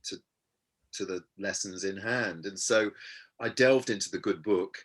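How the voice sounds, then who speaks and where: A man in his fifties from Hampshire in England, telling stories about his childhood as a guest in a casual interview, self-deprecating and halting with many fillers. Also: sits low.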